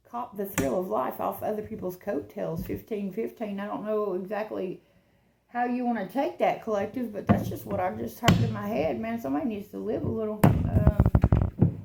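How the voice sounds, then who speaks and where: A woman with a gravelly, creaky voice talks through a casual tarot reading, rambling and chatty. She laughs at herself as she goes. Her voice bounces around an echoey room over loud background noise. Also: mid-range voice. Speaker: tarot reader and channel host.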